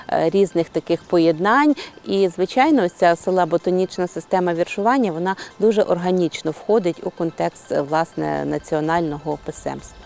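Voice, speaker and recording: A woman talks as a literature scholar in an interview, with a warm, mellow tone at a middle pitch. She explains carefully, in a lecturing manner, and stops to correct herself. Soft music plays faintly underneath.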